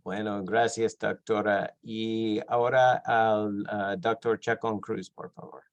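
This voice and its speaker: A man moderating a panel, giving brief, slow introductions. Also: on the low side, steady tone.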